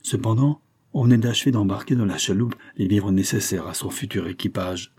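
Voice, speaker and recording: A man reading a classic novel aloud in a low register, with a dark, mellow tone and a husky edge. His delivery is measured and dramatic. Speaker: narrator.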